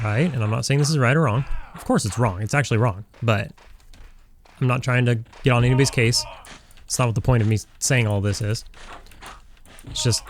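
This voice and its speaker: A gaming streamer in his forties from Southern California chats casually as he plays, rambling with plenty of fillers and restarts. His voice is medium in pitch, with slight background noise.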